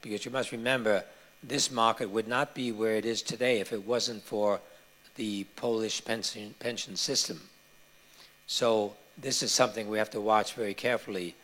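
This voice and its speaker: A man answering audience questions at a conference, explaining points in a measured way with frequent hesitations. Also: on the low side, steady tone, a bit bright.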